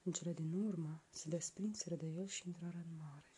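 A woman reading a folk tale aloud in a soft, slow, hushed narration. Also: on the low side, steady tone, slightly rough. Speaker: storyteller.

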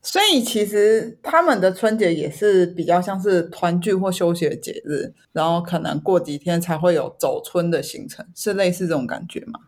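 A woman's voice: fairly low pitch, moderate pace, few pauses. A woman from Taiwan with a Taiwanese Mandarin accent, hosting in a casual chatty way and dropping in the odd English word. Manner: drops English words into Mandarin. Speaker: podcast host. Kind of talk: casual chat.

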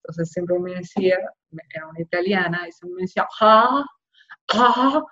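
A young woman from Zulia, Venezuela, with a Maracaibo accent, giving candid, expressive personal testimony in an interview. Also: lowish voice, fast. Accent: Maracaibo Venezuelan Spanish. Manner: candid and expressive, acting out quoted voices. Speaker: interviewee, journalist. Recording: slightly dull lo-fi sound.

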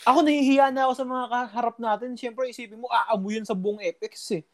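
A man's voice: extremely high pitch, steady tone, fast talker. Young man, casual co-host: loose, rambling storyteller full of fillers. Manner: rambling storyteller with many fillers and mild swearing. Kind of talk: casual chat.

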